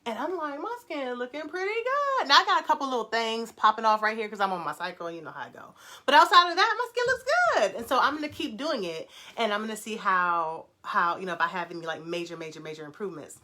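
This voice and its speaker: A middle-aged woman hosts a casual live stream, her voice bright and clear. She talks quickly and with excitement, reading viewers' questions aloud and answering each one warmly. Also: mid-range voice. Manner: fast-talking, excited, reads viewer comments aloud. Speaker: brand owner hosting a live stream.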